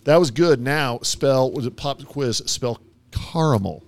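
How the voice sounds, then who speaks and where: A man's voice: mid-range voice, measured pace. Playful father teasing his daughter. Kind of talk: casual chat.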